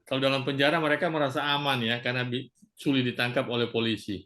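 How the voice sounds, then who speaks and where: A man's voice: mid-range voice, little pitch movement, fast talker, pushed and bright. Man hosting an online church meeting. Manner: friendly, many "eh" and "ya". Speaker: small-group host. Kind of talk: moderating an online prayer meeting.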